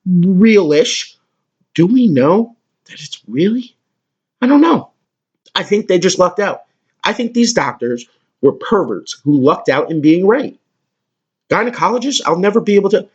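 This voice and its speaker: Crude ranting podcast guy, husky voice, kinda high, muffled lo-fi audio. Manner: profane, ranting, mocking. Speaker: podcast host. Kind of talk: crude comedic rant. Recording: dull lo-fi recording.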